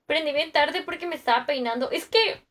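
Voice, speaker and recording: This young woman's voice sits high, a bit bright and fairly quick. She's a gaming streamer with a Mexican Spanish accent, swearing and using slang as she plays and chats on her livestream, calling out viewers by name.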